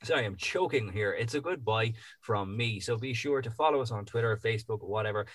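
Easygoing podcast host, dry sound. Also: male voice, medium pitch, a little fast, fairly bright tone, no echo. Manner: easygoing, rambling with many ums. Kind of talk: casual podcast chat and sign-off.

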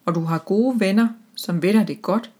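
A woman's voice: medium pitch, a little mellow, natural voice. A woman reading as a cosy, caring donkey.

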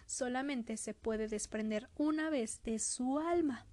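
A woman's voice: fairly high pitch, measured pace, mellow, natural voice. A woman voicing a mischievous, taunting soul spirit in an offhand, teasing way. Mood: smug.

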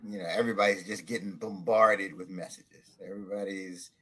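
Guy interviewer, kinda husky voice, keeps restarting and repeating himself, agreeable. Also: sits low, steady tone, a little fast, pushed and bright. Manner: affirming, restarts often, repeats words. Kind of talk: interview questions.

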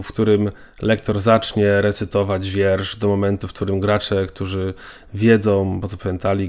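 A man being interviewed as a documentary maker, explaining things in a measured, detailed way. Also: lowish voice, darkish tone. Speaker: documentary filmmaker guest.

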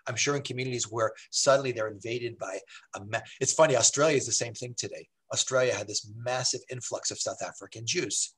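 A man with an ordinary mid-range voice, speaking as a rabbi on an interview show. He explains history in an easygoing, rambling way, restarting his sentences and filling pauses. He drifts into side stories before coming back to the point. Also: medium pitch, fairly bright tone, slightly rough. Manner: digressive, with frequent fillers and restarts.

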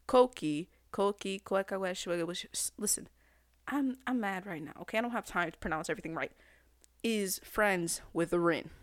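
A woman in the middle of an animated rant, sassy and exasperated, her voice jumping into loud outbursts. She talks slowly and deliberately, leaning on each point. The sound is dry and close, with no room echo. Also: mid-range voice. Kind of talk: animated anime rant to camera.

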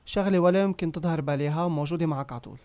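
A man's voice: fairly high pitch, racing, a little mellow, no echo. A man with a Lebanese Arabic accent asking casual questions as an interviewer.

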